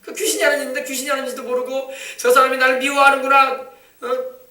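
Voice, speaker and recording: A man preaching a sermon, emphatic and shouting commands at demons, often asking the congregation for replies. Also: very high-pitched, level tone, fast talker. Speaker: pastor. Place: church sanctuary. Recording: echoey church, mic from a distance.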